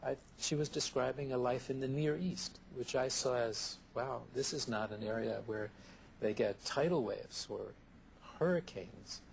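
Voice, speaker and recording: A man speaks in a thoughtful, measured way, often building lists of ideas one at a time. His voice has a gravelly creak. The sound comes from a worn VHS tape copy, with faint tape hiss underneath. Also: mid-range voice, poor audio. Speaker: interview guest, therapist. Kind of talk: reflective interview answers.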